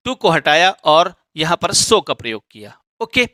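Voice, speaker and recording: A man's voice: a little high, sing-song, measured pace, bright, forceful tone, no echo. A man teaching English grammar, explaining step by step and checking often that students follow.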